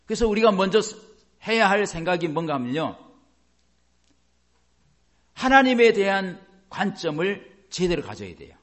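Lively, animated male pastor preaching. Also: high-pitched, moderate pace, pauses often. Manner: asks the congregation rhetorical questions; acts out little dialogues in changing voices. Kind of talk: sermon.

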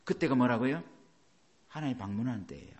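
A middle-aged pastor delivers a sermon with a lively, swinging pitch. He keeps putting questions to the congregation and then answers them himself. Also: fairly quick, dull audio.

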